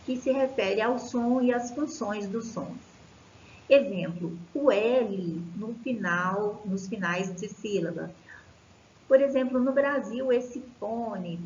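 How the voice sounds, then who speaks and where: Slow, halting Brazilian teacher woman. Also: on the high side, darkish tone, roomy sound, lo-fi sound, slight background noise. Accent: Brazilian Portuguese. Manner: slow, halting explanation with many fillers and restarts. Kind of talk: recorded classroom lesson.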